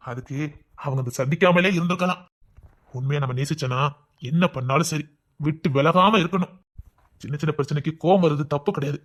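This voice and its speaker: A man with a Tirunelveli Tamil accent acting in a family drama skit, talking in an earnest, reassuring, lecturing way. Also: fairly high pitch. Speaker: lead actor in comedy skits.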